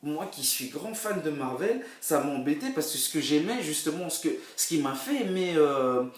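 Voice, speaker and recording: A young man reviewing a film casually, rambling with many fillers and bursts of excitement. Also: a little high, moderate pace. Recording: roomy echo, a bit far from the mic.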